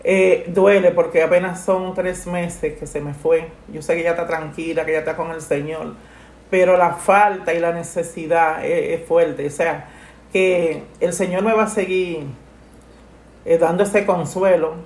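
A middle-aged woman, talking softly and haltingly about her late mother, full of grief. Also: lowish voice, fairly even intonation, roomy sound. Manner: grieving, soft and halting, with many restarts. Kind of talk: emotional personal conversation.

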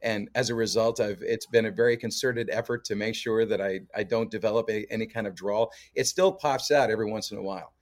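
A man's voice: on the low side, fairly quick, hardly any pauses. A man who grew up in Canada, a guest musician chatting easygoingly with fillers and frequent laughs. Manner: easygoing, laughs often, many fillers and restarts. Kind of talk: casual interview chat.

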